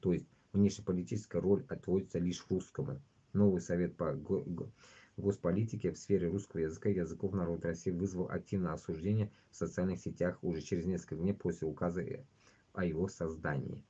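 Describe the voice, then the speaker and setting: A Bashkortostan man hosts a laid-back livestream of chat and read-aloud news, his low, mellow, slightly rough voice holding a steady tone as he speaks fast. He is blunt and swears constantly, all through dull, lo-fi stream audio.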